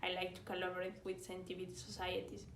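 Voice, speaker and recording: A woman's voice: on the low side, completely flat delivery, fast, a bit bright, a little hiss or hum. Ecuadorian woman cardiologist in an echoey room.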